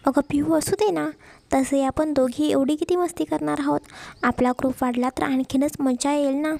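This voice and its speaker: A woman's voice: high voice, steady tone, moderate pace, creaky, a little mellow, no echo. A woman voicing an outspoken, talkative young college woman. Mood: chatty.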